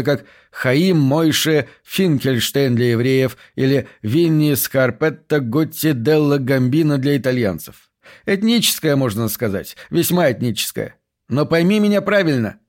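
A squeaky, high-pitched police captain, as a male reader puts him on talks down to his men with put-on heartiness. His voice rides up and stays lively, every phrase sounding mannered and self-important. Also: close to an everyday voice. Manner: falsely hearty, condescending.

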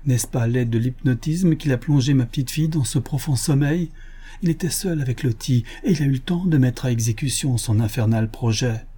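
A man's voice: medium pitch, fairly quick, warm tone, breathy edge, natural voice. A man voicing an anxious, tearful young mother in a read adventure story.

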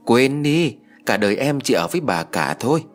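A man's voice: mid-range voice, big pitch swings, normal speed, soft background music, pitched above the performer's own voice, natural voice. A man voicing a naive young maid. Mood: plain. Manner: blunt, guileless. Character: naive honest young servant girl.

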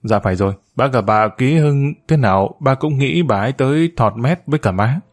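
A worried grown daughter speaks earnestly, coaxing her upset mother toward calm, as a man reading the story voices her. The voice stays at a plain middle pitch. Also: fairly quick, natural voice.

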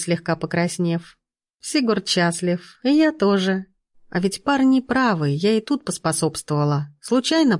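Woman, audiobook narrator, lowish voice, lively character reading, dry recording. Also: dry recording. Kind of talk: first-person fantasy audiobook narration.

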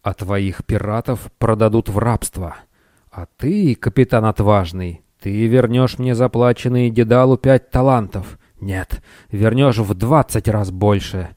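A greedy scheming merchant speaks with a hoarse rasp and a slight lisp, voiced by a man. He wheedles and hisses, his tone darker and more mellow than bright. The audiobook voice sits close and dry. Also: on the low side, expressive, moderate pace, no room sound, close to an everyday voice. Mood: menacing. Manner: wheedling, menacing hiss.

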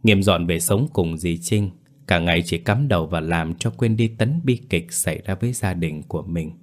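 A man's voice: sits low, normal speed. A man narrating a scripted horror story in a grave, dramatic way.

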